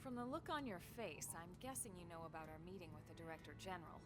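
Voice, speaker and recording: A woman voicing a calm, composed female squad leader in a video game, with a cool, level and wry delivery. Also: fairly low pitch, fast talker, over music, lightly acted.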